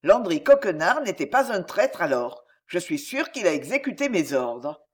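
Woman reading a blustering, hot-tempered nobleman; loud, angry delivery. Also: fairly low pitch, big pitch swings, normal speed, husky. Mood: shaken.

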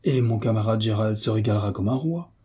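Audiobook part: cheerful, teasing young soldier, husky and dark in tone, voiced by a male reader. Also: on the low side, brisk. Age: young adult. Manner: lively, teasing, resolute.

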